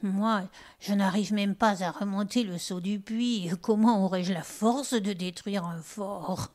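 A woman's voice: mid-range voice, fairly even intonation, measured pace, darkish tone, close to an everyday voice. A woman reading as a timid feeble fox. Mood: meek. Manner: timid, protesting. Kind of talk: storybook reading aloud.

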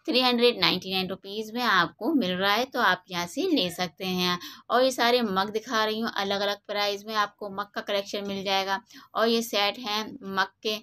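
Bright-voiced woman touring a store. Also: mid-range voice. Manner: steady, repetitive price-listing delivery. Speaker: shopping vlogger. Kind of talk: casual store walkthrough narration. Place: large indoor retail store.

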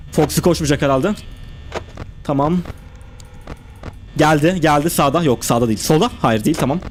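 A man's voice: on the high side, a little hiss or hum. Jumpy young man streaming a horror game. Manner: tense, jumpy reactions, chatting to viewers.

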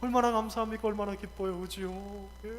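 A man preaching as a pastor, telling stories dramatically with acted quotes and sudden shouts, recorded in a church sanctuary. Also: sits high, steady tone, quick pace, slight background noise. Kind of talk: sermon. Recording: long church hall reverb.

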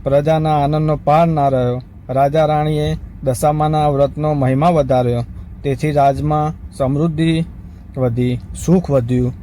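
Mellow-voiced man narrating a devotional tale. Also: fairly high pitch, steady tone, unhurried, slight background noise, rough recording. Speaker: storyteller.

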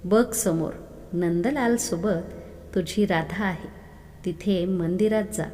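A woman reading as a gentle old temple woman. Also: fairly low pitch, slow. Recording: long reverb.

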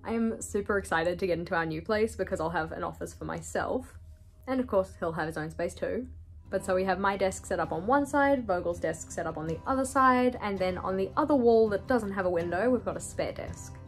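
Holding her phone at arm's length, a young woman from New Zealand walks through her home indoors, room by room, giving a chatty tour sprinkled with wry remarks. She talks fairly quickly in a mid-range voice, and faint music plays behind her.

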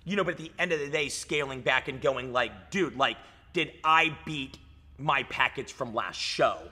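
A fitness coach in his thirties chats on a casual podcast from a gym lounge, hyped and swearing, saying "dude" and "like" a lot. His voice is medium-pitched with a sharp tone and moderate pace, and the gym room is reverberant.

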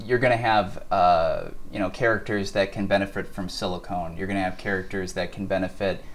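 Low-voiced man explaining in a workshop. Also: fairly even intonation. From Wisconsin. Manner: measured, many fillers. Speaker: mask company owner and artist. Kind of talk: interview, explaining products. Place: workshop showroom, indoors.

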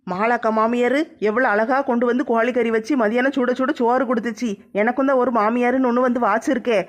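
A woman's voice: a little high, voice pushed down, natural voice. A woman plays a scheming young daughter-in-law who grumbles about her mother-in-law. She chatters like a mock cooking-show host. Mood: grumbling. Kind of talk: comedy skit.

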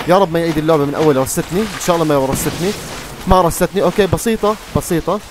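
Young man, rapid excitable gameplay commentary, slightly high voice, game music underneath. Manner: excitable, yells and exclaims at surprises. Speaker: gaming youtuber.

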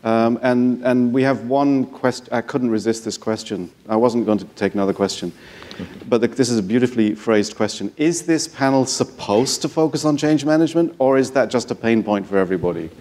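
A man moderating a conference panel on stage, brisk and engaging the audience with questions. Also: medium pitch, a little mellow, a little hiss or hum.

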